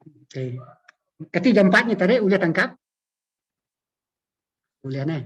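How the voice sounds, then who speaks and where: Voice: medium pitch, expressive, measured pace, breathy edge. A pastor, teaching a Bible class over a call, repeating key phrases and checking that listeners follow.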